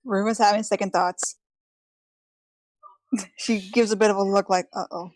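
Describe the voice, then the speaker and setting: A woman playing a tabletop game, describing her character's actions in a giggly, animated way. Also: medium pitch, unhurried, no room sound. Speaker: player.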